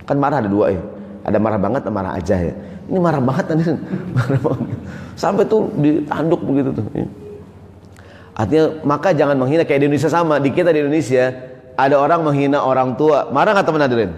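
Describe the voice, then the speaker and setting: A man preaching a sermon in a mosque, lively and joking, often asking the audience questions. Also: medium pitch, fast talker. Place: large mosque hall. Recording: echoey mosque hall.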